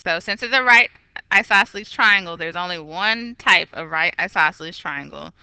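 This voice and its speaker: Woman math teacher, bright voice, dry close sound, patient step-by-step delivery. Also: lowish voice, normal speed, clear, resonant tone, dry recording, low-quality recording. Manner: patient, methodical, corrects herself aloud. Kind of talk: recorded geometry lesson.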